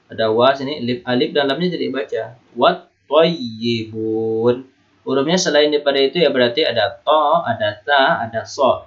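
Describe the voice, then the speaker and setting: A man teaching Quran recitation rules to university students. He explains slowly and repeats himself, and he chants the Arabic examples in long drawn-out tones. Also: medium pitch, a bit bright, highs cut off. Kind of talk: online lecture.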